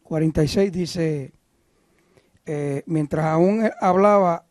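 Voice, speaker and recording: A man in a church class reading a Bible passage aloud, hesitant and halting. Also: on the high side, a little mellow, no echo, studio quality. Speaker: class member reading scripture.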